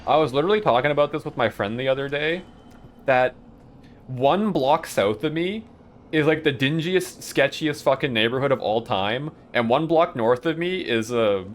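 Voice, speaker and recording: A man's voice: medium pitch, animated, normal speed, slight background noise. A young man streaming a video game, chatting casually in a rambling, profane way and chuckling often. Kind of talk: casual chat while playing a game live.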